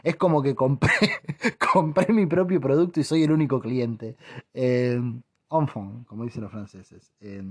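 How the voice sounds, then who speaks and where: A man's voice: medium pitch, unhurried, dry recording. Joking Argentine man, dry close sound. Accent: Argentine Rioplatense Spanish. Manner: rambling, joking, mock foreign accents. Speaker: podcast host. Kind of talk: casual comic monologue.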